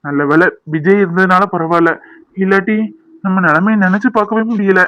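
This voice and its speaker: A man's voice: high voice, a little fast, no room sound, dull audio, close to an everyday voice. A man voicing an anxious, doting young husband in a cartoon, earnest and reassuring. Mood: soothing. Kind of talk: cartoon voice acting.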